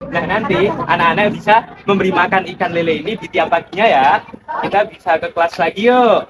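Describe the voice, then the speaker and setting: A man's voice: high voice, a little fast, over music. A young man teaching a primary school class, speaking directly to the pupils and asking them questions. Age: young adult. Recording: roomy classroom audio, mic far off.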